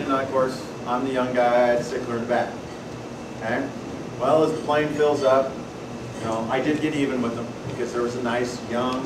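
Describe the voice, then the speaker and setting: In a meeting hall full of people, a medium-pitched man with a Pacific Northwest accent presents at a membership workshop, telling stories loudly in a folksy way and asking the room questions. Loud noise and echo fill the distant recording.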